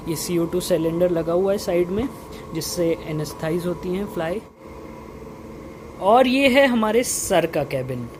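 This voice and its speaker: A young man giving a casual vlog tour, informally mixing in English technical terms, his voice slightly muffled by a face mask. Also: sits high. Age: young adult. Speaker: vlogger and lab researcher. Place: indoor research lab. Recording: muffled by mask, clear equipment hum. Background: running lab equipment and air conditioning hum.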